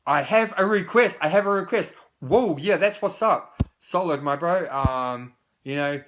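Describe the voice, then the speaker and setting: A man's voice: a little high, animated, measured pace, fairly bright tone, slight background noise. A man with a New Zealand accent hosting a live recovery stream in loose, rambling casual chat full of fillers. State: in recovery, six months clean.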